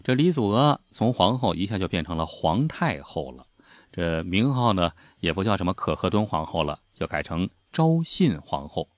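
A man's voice: low-pitched, sing-song, moderate pace, no echo, studio quality. A man telling history stories in a folksy, chatty way, full of spoken filler particles. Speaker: history storyteller. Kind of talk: casual spoken history storytelling.

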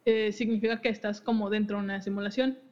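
Her mid-range voice is a little mellow and steady in tone, and she talks fast: a young woman hosting a podcast, casually explaining game lore with frequent giggles and restarts, chatty and self-interrupting, in dull lo-fi audio.

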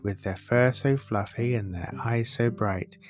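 Male storybook narrator over soft guitar music. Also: mid-range voice. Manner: storybook narrator, measured rhyming delivery. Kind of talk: storybook narration, rhyming bedtime story read aloud. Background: plucked guitar music.

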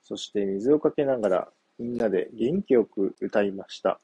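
Male storybook narrator, gentle and unhurried, warm husky voice. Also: lowish voice, no room sound.

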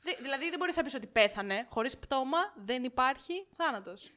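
A woman's voice: sits high, animated, a bit bright. A young woman in casual conversation, chatty and insistent as she argues her point. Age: young adult. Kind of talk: casual chat about a series.

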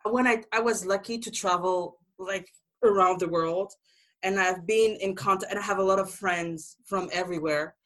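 A woman's voice: medium pitch, fairly even intonation, normal speed, a bit bright, low-quality recording. A woman from Algeria hosting a podcast interview, enthusiastic and chatty, laughing often. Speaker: podcast host. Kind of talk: casual interview chat.

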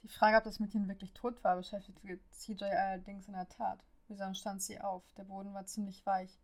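A woman narrating a story as an audiobook reader, reading with an even, steady delivery. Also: medium pitch, fairly quick.

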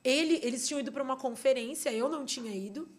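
A woman's voice: sits high, fast. A woman with a Brazilian accent, a podcast guest telling a personal story earnestly, with many fillers and restarts.

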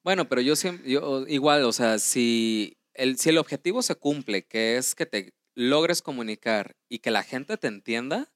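Chill mexican podcast co-host, opinionated, smooth clear voice. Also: medium pitch, a little slow, few pauses, no echo, clean studio sound. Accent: Mexican Spanish. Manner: relaxed, opinionated, slangy. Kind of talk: casual conversation.

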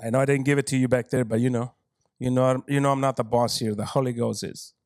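A man preaching a sermon in an animated way, joking and laughing often, with big swings from quiet asides to loud high emphasis. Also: quick pace, no room sound, poor audio.

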